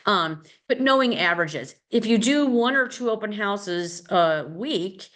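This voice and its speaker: A woman's voice: mid-range voice, expressive, measured pace, fairly bright tone. A middle-aged woman leading a casual real estate team training, chatty and rambling, with many fillers and restarts.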